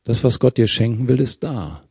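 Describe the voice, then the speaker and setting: Prediger mit warmer, rauer Stimme. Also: male voice, medium pitch, normal speed, creaky, husky, no echo, clean studio sound. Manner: lively preaching, verse by verse, with questions to the congregation. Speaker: preacher. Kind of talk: sermon.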